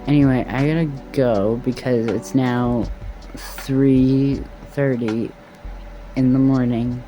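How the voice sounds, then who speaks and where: A vlogger recovering from tonsil surgery talks to camera in a soft valley-girl drawl, keeping the voice easy on a sore throat. The tone is mellow and a little dark, loose and rambling, with swearing and lots of "like". Faint music sits underneath. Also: mid-range voice, steady tone, slow. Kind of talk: casual to-camera advice chat.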